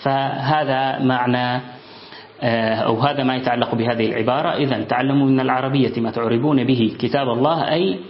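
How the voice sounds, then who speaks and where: A man giving an Islamic studies lesson, reading from a book and explaining it in a measured way with thinking pauses. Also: mid-range voice, fairly even intonation. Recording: roomy, dull lo-fi sound.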